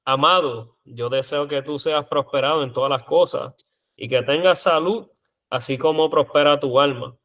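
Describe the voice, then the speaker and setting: A man in a Bible study reading scripture aloud in a measured way. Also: on the high side, fairly bright tone.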